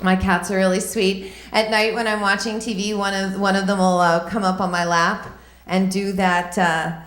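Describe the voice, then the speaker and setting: A woman's voice: mid-range voice, flat delivery, moderate pace, fairly bright tone. A woman telling stand-up jokes in a hesitant, understated way. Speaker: stand-up comedian. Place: live comedy stage. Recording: roomy, echoing live venue.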